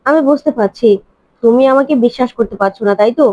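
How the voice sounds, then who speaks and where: A woman with a fairly high, darkish voice, lightly acting, plays an adult man who is insistent, hurt and defensive. She fires off rapid, pleading, reproachful questions one after another in a dry, dull recording.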